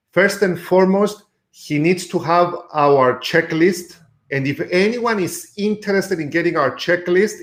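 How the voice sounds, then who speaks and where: A man with a fairly high voice hosts a live mentoring stream from a room at home. He coaches patiently and instructively, with many fillers along the way. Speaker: host and sales mentor.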